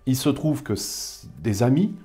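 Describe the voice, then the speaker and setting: Unhurried and lively in intonation, his medium-pitched voice is mellow and husky, set against soft background music. The speaker, a thirtysomething man from France's Paris suburbs, chats casually as an interview guest, thoughtful and full of hesitant fillers.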